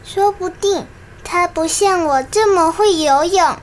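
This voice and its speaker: A woman's voice: very high voice, a little slow. A young girl giving short answers as a listener during story time.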